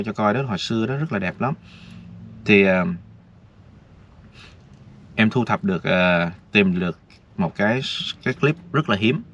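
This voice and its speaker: A man's voice: lowish voice, fairly bright tone. A man vlogger, rambling casually and talking straight to his viewers, filmed outdoors. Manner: chatty, addresses viewers directly, rambling. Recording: dull lo-fi with faint noise.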